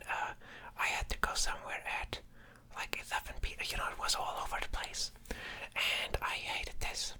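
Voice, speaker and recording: A person speaking in a breathy whisper in a casual ASMR ramble, sounding sleep-deprived and hesitant, often trailing off and starting thoughts again. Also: pushed and bright. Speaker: ASMR creator.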